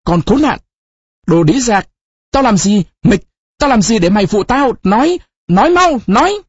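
A man's voice: high-pitched, sing-song, normal speed, husky, dry recording, dull audio, pitched above the performer's own voice, heavily acted. A man doing a raging jealous young man. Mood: furious. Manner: shouting, spitting each word, teeth gritted. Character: young man, jealous and furious, then despairing.

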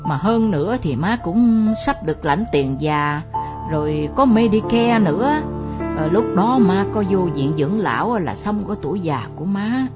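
A woman playing a frail elderly mother who pleads gently with her family. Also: mid-range voice, lively intonation, moderate pace, close to an everyday voice. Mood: reassuring. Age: older. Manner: pleading, self-effacing. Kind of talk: melodramatic radio drama acting. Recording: dull lo-fi recording with music.

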